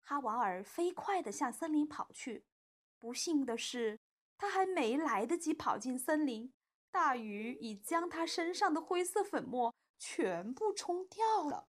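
A mother hosting a children's program, gently and expressively narrating a storybook. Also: high voice, expressive, a little slow.

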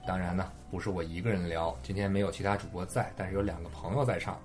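Low-pitched guy hosting a chatty podcast, music playing behind him. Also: steady tone, fast talker. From China. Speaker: podcast host. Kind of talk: casual chat podcast.

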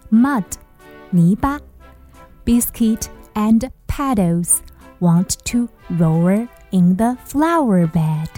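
A woman's voice: medium pitch, mellow. A woman, a native Mandarin speaker, reads a bilingual picture book to small children as if to a toddler, repeating phrases and translating each one. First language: Mandarin Chinese. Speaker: host of a children's picture-book channel, a mother. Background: background music.

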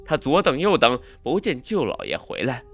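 A man narrating a horror story in a dramatic, suspenseful way, swinging between hushed and loud delivery. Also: mid-range voice, huge pitch swings, moderate pace, soft background music.

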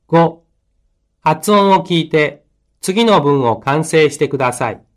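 Language-lesson announcer, very slow delivery, mid pitch, dictating in separate units. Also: animated. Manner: dictating slowly in short, separated units for repetition. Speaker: language lesson announcer reading exercise instructions. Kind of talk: scripted language-lesson narration.

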